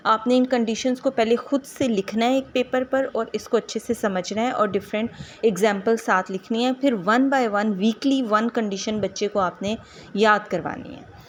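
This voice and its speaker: A woman teaching a home-schooling phonics lesson, sounding out words slowly syllable by syllable and mixing Hindi-Urdu with English. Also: a little high, a little hiss or hum.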